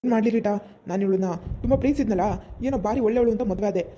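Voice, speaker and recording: A woman's voice: fairly high pitch, mellow, slight background noise, lightly acted. A woman playing a young village husband who scolds his wife, then coaxes her to get up, in a comic village skit. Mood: scolding. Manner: brisk, scolding, then coaxing.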